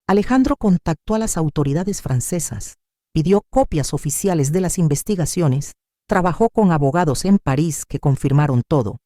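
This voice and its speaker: An older woman tells a dramatic story in the first person, expressive and full of feeling. Her pitch swings widely, and her tone is mellow and warm. The recording is dry and close, with no room sound. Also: moderate pace, dry recording. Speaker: narrator.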